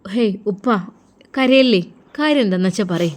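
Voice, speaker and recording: A woman's voice: expressive, normal speed, darkish tone, close to an everyday voice. A woman voicing an anxious, devout young woman who pleads. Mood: pleading. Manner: pleading, higher voice.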